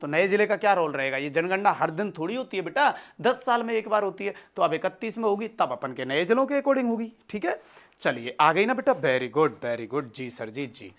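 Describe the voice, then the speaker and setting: His voice sits high and a bit bright, with a sing-song lilt at a moderate pace. As an online exam-prep teacher giving a live class, he answers his own call-and-response prompts, refers to viewers as brothers and son, and reads through comments.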